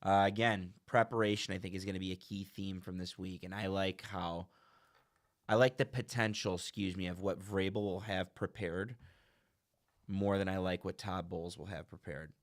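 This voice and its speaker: Man, co-host, lowish voice, talks through his reasoning, self-correcting. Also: steady tone, moderate pace. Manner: thinks aloud, corrects himself. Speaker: podcast co-host. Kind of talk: casual sports chat.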